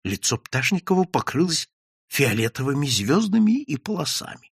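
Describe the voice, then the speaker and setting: Husky expressive male audiobook narrator. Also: a little high, moderate pace, no echo, studio quality. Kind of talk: scripted literary narration.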